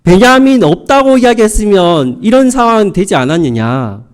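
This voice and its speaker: A man's voice: high voice, very animated, normal speed, pitched above the performer's own voice. A pastor acting out an aggrieved old father. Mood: reproachful. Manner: reproachful, exasperated questioning. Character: aggrieved old father blaming his sons.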